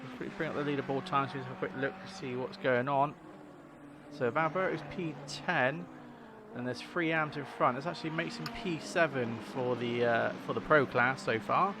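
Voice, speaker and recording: A man's voice: medium pitch, moderate pace. A man hosting a livestream with casual, chatty motorsport commentary on a sim race. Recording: clear engine noise behind voice.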